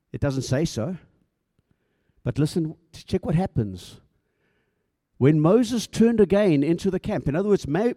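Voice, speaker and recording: A man's voice: medium pitch, mellow, no echo, clean studio sound. A middle-aged male pastor preaching a conversational sermon, acting out little dialogues and often stumbling and repeating words as he goes.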